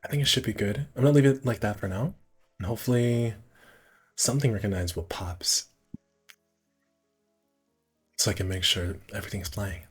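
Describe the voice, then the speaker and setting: This man speaks fast in a husky, fairly low voice over faint background music. He reads a visual novel's narration aloud during a casual stream, muttering asides as he corrects himself.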